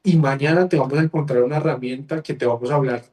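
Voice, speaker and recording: A young man, making an earnest, persuasive business pitch to viewers with repeated phrases. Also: fast, mellow, far from the mic. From Colombia. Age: 20s. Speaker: business opportunity presenter.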